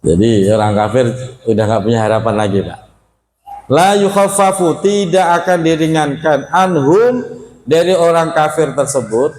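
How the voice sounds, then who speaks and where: A man teaching a Quran study lecture in a casual, conversational way, often addressing his listeners as sir, and reading Arabic phrases slowly before explaining them. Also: on the high side, darkish tone, roomy sound. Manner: conversational, addresses audience as Pak.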